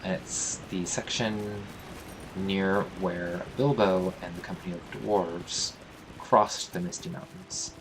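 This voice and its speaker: A man hosting a let's play, casually commentating his game and thinking aloud with frequent fillers. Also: deep voice.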